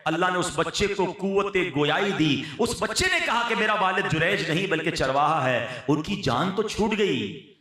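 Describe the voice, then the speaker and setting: A man preaching an Islamic sermon, animated and rising to emphatic exhortation. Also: on the high side, far from the mic. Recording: echoey hall, voice from afar.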